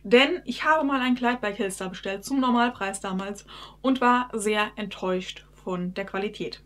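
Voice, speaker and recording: A woman's voice: medium pitch, normal speed. A woman chatting casually to her viewers in a haul vlog, recorded in her bedroom. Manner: chatty, addresses viewers directly. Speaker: YouTube vlogger.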